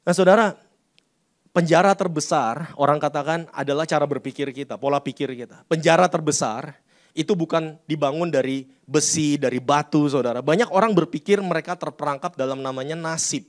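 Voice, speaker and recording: A man's voice: a little high, fairly quick. A man preaching a sermon, talking conversationally and often turning to the congregation. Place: church.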